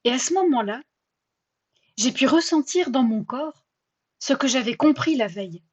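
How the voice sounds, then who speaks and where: Husky-voiced woman telling a personal story. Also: high voice, moderate pace. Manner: chatty, self-mocking and expressive. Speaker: podcast host.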